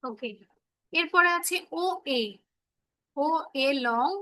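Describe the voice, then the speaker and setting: A woman's voice: high voice, extremely slow, pushed and bright. A woman teaching English phonics to children in an online class, patiently checking that each pupil understands. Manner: addresses the children affectionately as "baba". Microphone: laptop microphone on a video call.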